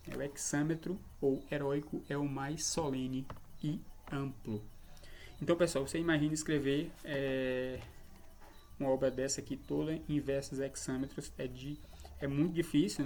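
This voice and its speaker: A man with a Brazilian Portuguese accent giving an improvised, hesitant commentary on a book, explaining poetic meter with frequent tag questions. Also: on the high side.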